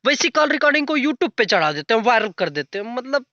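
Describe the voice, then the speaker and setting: A young man from rural north India rants as a YouTube commentator, speaking fast in an extremely high, sing-song voice. His unscripted commentary is blunt and colloquial with crude slang, and the lo-fi recording has heavy background noise.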